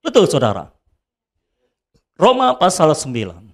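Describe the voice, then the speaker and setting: A male pastor preaching a sermon, asking the congregation rhetorical questions and swinging between quiet talk and shouted answers. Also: on the high side, huge pitch swings, measured pace.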